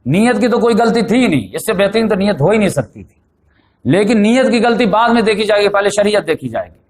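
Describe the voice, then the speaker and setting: Man giving an animated religious lecture. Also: high-pitched. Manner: storytelling lecture, mixing in English words, rising emphatically in quoted passages. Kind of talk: Urdu religious lecture on the Prophet's life.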